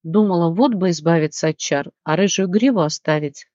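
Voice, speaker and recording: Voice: medium pitch, a little fast, a little mellow, dry recording, natural voice. A reader voicing a heartfelt young woman thanking a fairy in a fantasy audiobook, recorded dry and somewhat dull. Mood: grateful. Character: young woman, grateful bride. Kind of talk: audiobook character reading.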